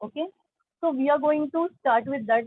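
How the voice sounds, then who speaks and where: A woman's voice: sits high, normal speed, no room sound. A woman with an Indian accent teaching a history class over a video call, explaining patiently and checking in with her students. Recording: phone-like narrow sound.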